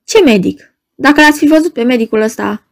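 A woman's voice: high-pitched, animated. A woman reading a pleading, frightened barman. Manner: imploring, trembling. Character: frightened middle-aged male barman, pleading.

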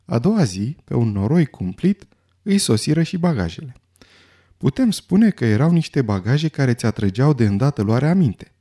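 Guy reading a story out loud, dark husky voice, really lively delivery. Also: medium pitch. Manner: expressive, dramatic storytelling. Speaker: narrator. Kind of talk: scripted audiobook narration.

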